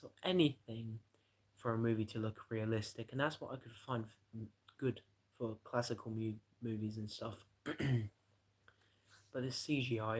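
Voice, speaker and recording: A man's voice: mid-range voice, creaky, poor audio. A tired man rambling and swearing through a late-night live stream chat, yawning as he talks. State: exhausted. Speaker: livestreamer.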